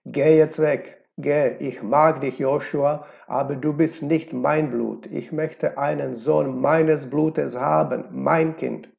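Give me a drunk, despairing husband who shouts, gravelly and slow, as a male narrator puts him on. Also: a little high. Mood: weeping plea. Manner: shouting, accusing. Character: drunk bitter middle-aged man, shouting in despair. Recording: dull lo-fi recording.

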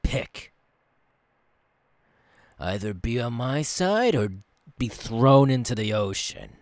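A man playing a menacing, gleefully cruel clown pirate captain in an ASMR role-play, with a raspy, theatrical drawl that swings between hushed threats and barks. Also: medium pitch, big pitch swings, takes it slowly, no echo. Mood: impatient, threatening. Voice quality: raspy, gravelly.

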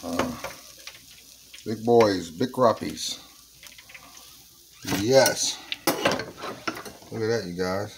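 Talking extremely slowly with long pauses, a Southern man in his 40s hosts a playful home cooking vlog from his kitchen with its countertop fryer. His voice is on the low side with vocal fry, and he repeats his exclamations. Background noise is audible.

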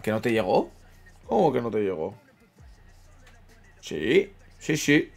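A young man giving casual commentary while playing a football management game, chatting with viewers, swearing and yelling at big moments, then muttering low. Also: huge pitch swings, slow pace, vocal fry, soft background music. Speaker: gaming streamer. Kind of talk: casual live gameplay commentary.

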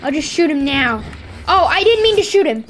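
A woman giving playful, excitable commentary while playing a game, squealing and yelping whenever things go wrong. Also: high-pitched, normal speed, a little hiss or hum. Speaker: gameplay streamer.

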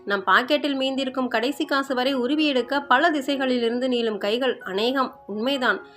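Bright-voiced woman telling a story. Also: high-pitched, normal speed, soft background music. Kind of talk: storytelling narration.

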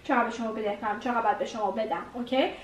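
Higher-voiced woman, English teacher, repeats words to drill them, roomy echo. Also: far from the mic, a little hiss or hum. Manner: repeats each word several times while explaining. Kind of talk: vocabulary lesson. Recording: echoey room, voice a bit off-mic.

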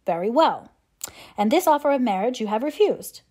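A woman voicing a calm, ironic older father in an audiobook, with a deadpan, measured manner. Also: fairly high pitch. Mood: dryly grave. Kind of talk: audiobook character acting.

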